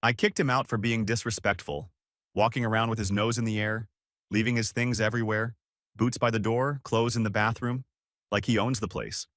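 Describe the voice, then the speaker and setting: A man's voice: lowish voice, fairly even intonation, normal speed, a bit bright, no room sound, studio quality, natural voice. A man voicing a boastful, scornful middle-aged father bragging to his friends at a bar. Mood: mocking boastful.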